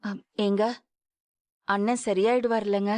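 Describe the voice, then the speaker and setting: A woman's voice: medium pitch, level tone, measured pace, darkish tone, dry recording, natural voice. An actress in a TV serial playing a worried middle-aged mother and wife who pleads and reproaches through tears. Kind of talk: Tamil TV serial acting.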